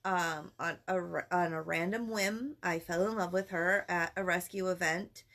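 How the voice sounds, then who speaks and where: A woman co-hosting a casual live-stream chat, telling stories in a gushing, animated way. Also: on the low side, normal speed, vocal fry. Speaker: co-host.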